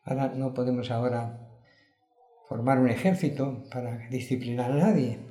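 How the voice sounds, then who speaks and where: Male preacher, mellow tone, rhetorical questions, roomy sound. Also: medium pitch, fairly even intonation, moderate pace. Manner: earnest, rising to emphatic peaks, asks rhetorical questions. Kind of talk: sermon.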